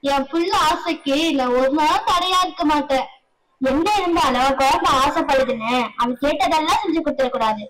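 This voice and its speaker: A woman voicing a gentle, devoted young mother who speaks softly and pleads. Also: sits high, normal speed, background noise, lightly acted. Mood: tearful.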